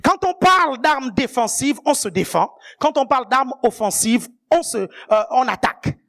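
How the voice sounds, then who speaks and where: A woman delivering a sermon in a high, bright voice. She speaks with force and keeps checking that the congregation is still following. At key points she rises to shouted emphasis. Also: lively intonation, normal speed. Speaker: preacher.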